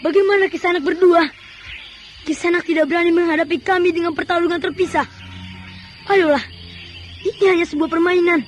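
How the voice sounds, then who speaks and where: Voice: very high voice, fairly even intonation, a little fast, long pauses. A performer playing a bold, taunting young fighter in an old radio drama, with theatrical delivery. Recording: music under radio drama.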